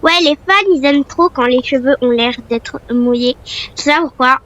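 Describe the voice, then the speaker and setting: A woman's voice: high voice, normal speed, fairly bright tone, highs cut off. A woman voicing a friendly, girlish young K-pop trainee chatting casually in a role-play story. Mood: cheerful, chatty.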